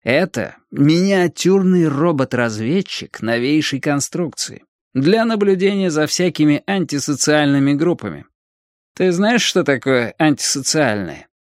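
A man playing a hard, calculating teenage gang leader who speaks in a measured, lecturing way. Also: a little high, lively intonation, no room sound, clean studio sound, voice pushed up.

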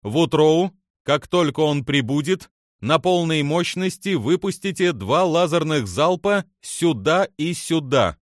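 Commanding female admiral, voiced by a man, crisp decisive orders, lively up-and-down delivery, dry studio. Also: low voice, a little slow, dry recording, pitched above the performer's own voice.

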